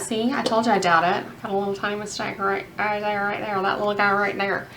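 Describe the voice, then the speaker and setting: A young woman talks in a loose, rambling way, full of little fillers, as she chats through a nail-painting vlog. Her pitch sits in a middle range. A faint hiss of background noise runs under her voice. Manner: chatty, rambling, many fillers. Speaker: beauty vlogger. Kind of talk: casual chat while painting nails.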